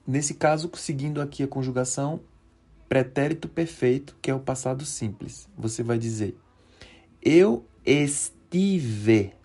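A man teaching verb conjugations, slow and deliberate, drawing out each form and checking in often with "certo?". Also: medium pitch, steady tone, warm tone. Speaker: Portuguese teacher for Spanish speakers. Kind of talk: conjugation lesson.

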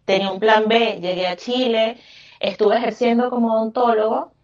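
Her voice is fairly high with a somewhat dark tone, and she keeps her intonation fairly even at a normal speed. The Venezuelan craft business owner chats through interview questions as a podcast guest, effusive and emphatic, in Venezuelan Spanish. The recording is distant, echoey and muffled.

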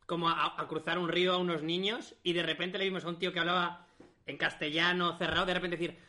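A man's voice: fairly high pitch, flat delivery, fast, pushed and bright. A young man co-hosting a podcast, chatting casually and telling jokey anecdotes. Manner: jokey, tells anecdotes with laughs. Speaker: podcast co-host. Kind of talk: casual chat.

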